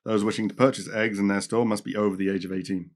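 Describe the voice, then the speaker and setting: A man with a fairly low voice reads news items aloud in a relaxed podcast chat. He stumbles often, filling gaps with ums and restarting his phrases. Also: fast. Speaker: podcast co-host reading news.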